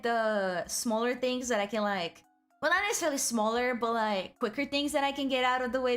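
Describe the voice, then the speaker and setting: A woman chatting casually on a livestream as a cute anime-style VTuber host, rambling and excitable. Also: a little high. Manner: rambling, frequent "like" asides.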